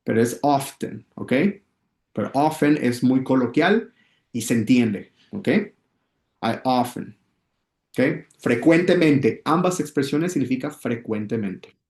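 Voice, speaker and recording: A man teaching English in a casual video lesson, often checking in with his viewers and repeating words slowly so they can practice. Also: medium pitch, lively intonation, darkish tone, reverberant. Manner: addresses viewers as "muchachos", checks in with "ok?".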